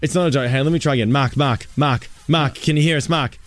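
An Australian man co-hosting a radio show, bantering casually with a caller in an excitable manner and often repeating himself. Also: mid-range voice, quick pace, soft background music.

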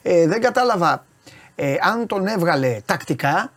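Ένας άντρας που παρουσιάζει μια αθλητική εκπομπή, μιλώντας χαλαρά, με ενθουσιασμό και συχνές παρεμβάσεις. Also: male voice, high voice. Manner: animated, excitable, quick interjections. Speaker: show host. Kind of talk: casual sports chat.

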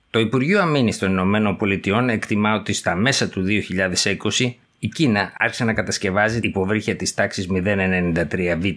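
A middle-aged male news presenter reads a scripted report. His voice sits slightly low, and he keeps a measured, explanatory pace. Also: a bit bright.

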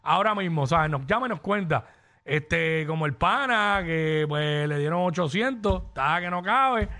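A Puerto Rican man hosting a radio call-in show with a high, bright voice. He banters and teases in fast, playful slang, laughing between calls. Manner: joking, lively, teasing callers. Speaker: radio co-host. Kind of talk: casual radio chat taking listener calls.

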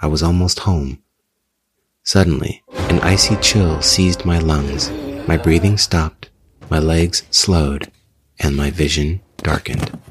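A man hosting a horror story podcast, narrating in a measured, ominous way. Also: extremely low pitch. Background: music.

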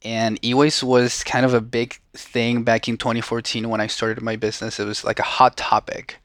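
A man's voice: mid-range voice, flat delivery, moderate pace, a bit bright, no echo, studio quality. A man from Venezuela whose first language is Spanish, a guest on an interview show, talking earnestly and often restarting his sentences. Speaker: guest, social entrepreneur. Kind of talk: casual interview talk.

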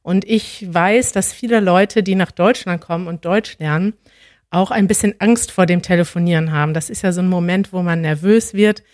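A woman hosts a live podcast in a casual, lively and friendly way. She speaks close to the microphone, and the sound is dry, with little room echo. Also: lowish voice, moderate pace. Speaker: podcast host. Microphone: close studio mic.

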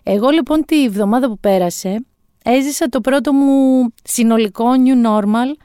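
A woman's voice: on the high side, dark tone, clean tone, no echo. A woman in her forties telling a comic story in a wry, self-mocking way, close to the mic. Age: 40s. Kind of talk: comic monologue.

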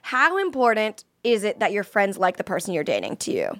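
A woman's voice: medium pitch, wildly swooping pitch, a bit bright, dry recording. Young woman podcast host, chatty and laughing easily, dry close sound. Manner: chatty, laughs often, quick asides. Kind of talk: casual chat.

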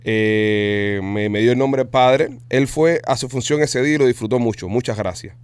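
A man hosting a podcast, telling stories in quick, animated casual chat full of slang. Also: mid-range voice, smooth, no echo. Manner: rapid, animated storytelling with Spanish slang. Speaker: podcast host.

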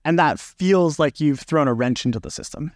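A man's voice: on the high side, moderate pace, no room sound, clean studio sound. A man who is a podcast guest, talking over research practice in a reflective, loose way with many fillers and restarts. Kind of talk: casual podcast conversation.

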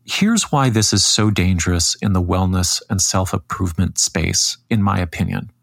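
Low gravelly-voiced man giving podcast commentary. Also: a bit bright, no echo. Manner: measured, critical, reads quotes aloud. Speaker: podcast host. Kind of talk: scripted commentary.

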